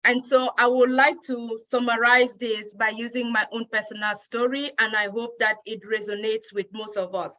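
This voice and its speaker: A woman's voice: a little high, flat delivery, moderate pace, few pauses, sharp tone, lo-fi sound. A woman from Cameroon giving an earnest, grateful personal speech at a women's day event.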